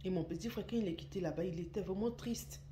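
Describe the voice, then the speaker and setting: A woman's voice: fairly low pitch, fast, mellow, slight background noise. A woman who runs an online shop, telling a story in a casual, emphatic way and repeating words for stress. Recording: echoey room.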